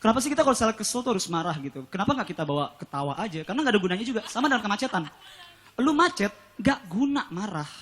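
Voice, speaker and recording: A man's voice: high-pitched, rapid-fire. A man doing a stand-up comedy routine on a TV studio stage, telling stories and acting out quoted voices. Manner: animated storytelling, acts out quoted voices, laughs along. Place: TV studio stage with live audience. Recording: live studio audience and room noise.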